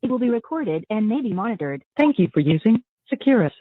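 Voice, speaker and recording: A woman's voice: a little high, big pitch swings, fast, no room sound. A woman's recorded voice giving a formal automated announcement over a payphone line. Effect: recorded message over a payphone line. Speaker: automated jail call announcement. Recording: tinny dry phone line.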